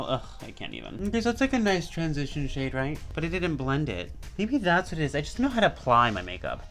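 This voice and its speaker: A man chatting through a beginner makeup tutorial, self-mocking and swinging between loud and soft. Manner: chatty and self-mocking, with big jumps in pitch and loudness. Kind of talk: casual makeup tutorial chat.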